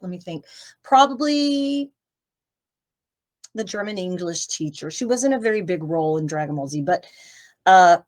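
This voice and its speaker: A woman's voice: mid-range voice, darkish tone. A middle-aged woman from Tennessee, a voice actress as guest, talking in a rambling, open, chatty way during a casual interview. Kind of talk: casual interview over a video call.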